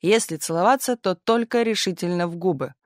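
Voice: mid-range voice, a little fast, no room sound, studio quality, close to an everyday voice. A reader voicing a brash, defiant young male Komsomol member who talks indignantly. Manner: indignant, bold.

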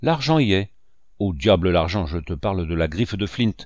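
A man voicing a rough male pirate who shouts urgently down from a window. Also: low voice, lively intonation, moderate pace, no room sound.

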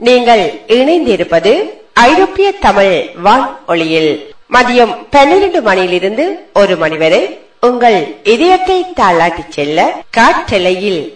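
A woman presents radio in a formal, flowery scripted style. Her pitch moves in a lively way, and the sound is echoey. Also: measured pace.

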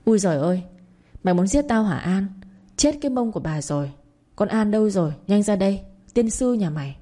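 A woman voicing a bossy older mother-in-law who scolds in a shrill, accusing voice. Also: lively intonation, fairly quick, warm tone, breathy edge. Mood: scolding. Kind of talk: audio story reading.

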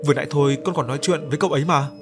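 A man's voice: mid-range voice, fast, background noise, close to an everyday voice. A man reading the part of a kind young woman in hospital, pleading and anxious.

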